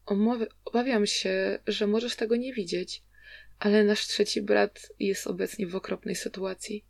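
A woman voicing a gentle, calm brother who speaks softly and soothingly. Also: medium pitch, normal speed, gravelly, no echo, clean studio sound, lightly acted. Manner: soft-spoken, soothing.

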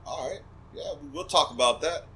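A man's voice: fairly high pitch, expressive, brisk, pushed and bright. A man hosting a casual interview, laid-back and profane, laughing along with his guest. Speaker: podcast host.

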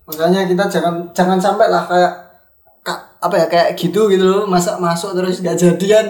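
A young man with a Javanese-tinged Indonesian accent and a high, light voice talks loosely in a casual podcast chat. He tells stories animatedly, with laughter breaking through. The sound is echoey and roomy. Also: fairly quick. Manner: animated storyteller, laughs while telling. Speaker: podcast host. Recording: echoey room.

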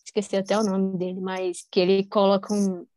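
A woman talks in a loose, rambling way, full of fillers and restarts. Her voice sits at a middle pitch and sounds dry and close, with no room around it. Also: little pitch movement, brisk, mellow, dry recording. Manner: rambling, many fillers and restarts, laughs often. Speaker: musician guest. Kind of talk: casual conversation.

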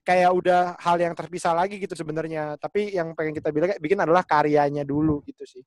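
Comedian, kinda high voice, hesitant, lots of ums, dry sound. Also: male voice, steady tone, quick pace, dry recording. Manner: hesitant, many fillers and restarts while thinking aloud. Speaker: stand-up comedian. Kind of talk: casual panel chat.

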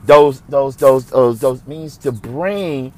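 A man's voice: medium pitch, takes it slowly, a little mellow. A man from the United States hosting a religious commentary show, speaking in an impassioned, preachy way that repeats phrases for emphasis.

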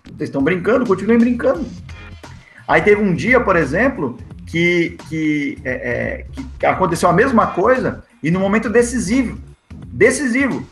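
Brazilian guy, pretty high voice, animated storyteller, roomy echo, faint music behind. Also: a little slow. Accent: Brazilian Portuguese. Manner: lively, acts out the dialogue in his stories. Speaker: guest, assistant football coach. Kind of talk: casual interview storytelling. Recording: echoey room with faint music.

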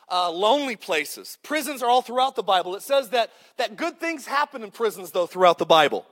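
A man in his thirties delivers a sermon in a very high voice. He is joking and punchy, and he calls out to the congregation. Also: a bit bright. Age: 30s. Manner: joking, punchy preaching with call-outs to the crowd. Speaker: pastor.

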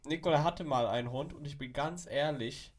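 A man's voice: fairly high pitch, brisk. A teenage boy hosting a casual podcast chat, chatty and hesitant with fillers and dry reactions. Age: teens. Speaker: podcast host.

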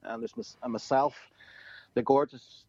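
Guy, husky voice, blokey podcast chat, sounds a bit muffled and dry. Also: mid-range voice, fairly even intonation, moderate pace, a little mellow, no room sound. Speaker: guest reptile keeper.

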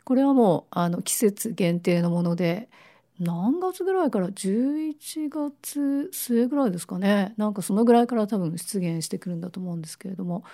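A woman hosting a casual radio show in a polite way, her voice raspy like a smoker's and hoarse from a lingering cold. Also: medium pitch, animated, moderate pace, warm tone.

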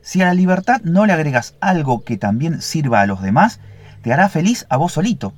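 A man's voice: on the high side, very animated, brisk, pitched above the performer's own voice. A man voicing a young, earnest and somewhat timid male ovenbird in a storybook fable. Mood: reflective.

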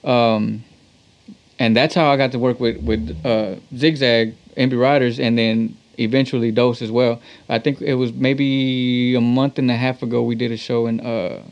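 A Texas musician who plays the talk box tells stories in a casual interview, using laid-back, slangy street talk. His voice is medium in pitch with little movement, at a moderate pace, and the recording cuts off the highs.

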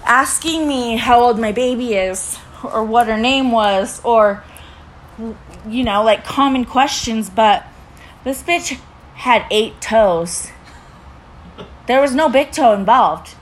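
A young adult woman from Utah telling a story in casual chat, animated and swearing freely. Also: sits high, low-quality recording.

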